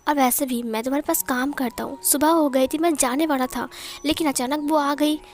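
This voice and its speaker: A woman voicing a gentle, apologetic young male servant who pleads softly in a storybook retelling. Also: high voice, fairly even intonation, moderate pace, natural voice. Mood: pleading.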